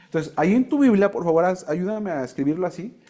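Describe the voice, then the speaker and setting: Man, fairly high voice, teaching an interactive Bible class. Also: animated, mellow. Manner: explains slowly, quizzes the class, jokes.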